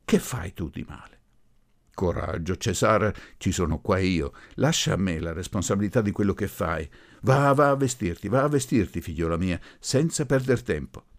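A man voicing a forceful middle-aged professor who speaks loudly and imperiously. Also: sits low, expressive, normal speed. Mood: insistent. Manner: imperious, insistent, loud.

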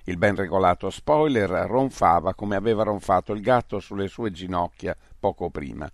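A man reads a novel aloud at a steady, measured pace. His low voice has a gravelly edge, and the recording is dry and close. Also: no room sound. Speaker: audiobook narrator. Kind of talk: scripted narration.

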